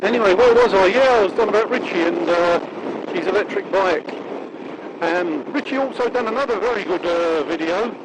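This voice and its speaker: Irish biker talking inside a helmet over loud noise. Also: male voice, sits high, moderate pace. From County Mayo, Ireland. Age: middle-aged. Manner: chatty, rambling, colloquial. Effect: muffled inside a motorcycle helmet. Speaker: motorcycle vlogger. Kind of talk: casual riding commentary to viewers. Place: outdoors on a moving motorcycle, inside helmet. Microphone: dictaphone worn while riding. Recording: loud engine and wind noise.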